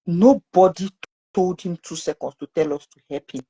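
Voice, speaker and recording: A woman, a mother being interviewed, telling her story in a lively way and acting out her son's cries. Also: normal speed, husky, rough recording. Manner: animated, acts out her son's screams in a high voice.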